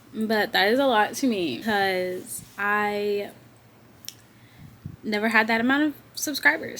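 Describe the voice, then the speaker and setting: A young New York woman in her twenties, her voice a little high and fairly bright, rambles casually through a reading vlog at home. She's sniffly and congested, chatty and slangy with rambling asides, recorded on her phone camera indoors with slight background noise.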